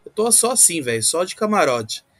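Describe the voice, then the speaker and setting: A man's voice: sits high, big pitch swings, fairly quick, a bit bright. A Brazilian man on a football podcast panel, talking in a casual, joking, slangy way.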